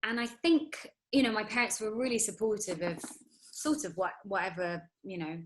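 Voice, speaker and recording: A woman's voice: mid-range voice, moderate pace, a little hiss or hum, low-quality recording. A woman in her thirties, raised in the UAE, guest on an interview, talking casually in a rambling way with many fillers and restarts. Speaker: guest actress.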